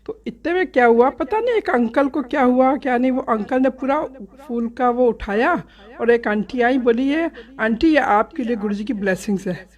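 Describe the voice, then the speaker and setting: A middle-aged woman telling a devotional story from a satsang visit, animated and laughing, acting out many quoted exchanges. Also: a little high, normal speed, muffled recording. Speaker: devotee sharing a satsang experience. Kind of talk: storytelling testimony.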